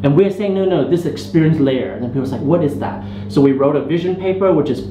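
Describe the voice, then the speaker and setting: The guest, a startup founder from Hong Kong, speaks quickly in a fairly high voice with lively intonation during a relaxed interview at an indoor venue. He often restarts and uses many fillers, while the roomy recording is muffled and full of background noise.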